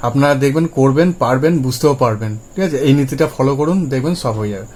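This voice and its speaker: A man with a Bengali accent gives a language lesson in an even, mid-pitched voice. He talks patiently and spells out letter sounds one by one, repeating them for his viewers. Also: fast talker, slight background noise. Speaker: English teacher.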